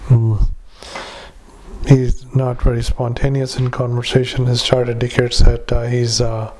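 Man dictating into a dictaphone, flat. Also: mid-range voice. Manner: halting, full of filler sounds. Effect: dictaphone recording. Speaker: clinician. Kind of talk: dictating clinical notes into a recorder. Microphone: handheld dictation recorder.

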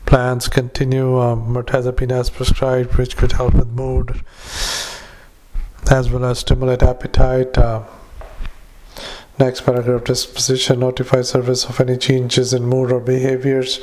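A male clinician dictating clinical notes into a dictaphone recorder, halting with many filler sounds. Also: mid-range voice, monotone, a little mellow, rough recording. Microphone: handheld dictation recorder.

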